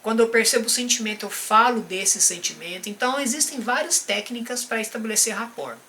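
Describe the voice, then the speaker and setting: A man with a Brazilian Portuguese accent, a behavior and emotional intelligence coach giving a live-stream teaching talk. He speaks straight to the viewer and keeps checking in with a quick "tá?". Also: high voice, sharp tone, a little hiss or hum.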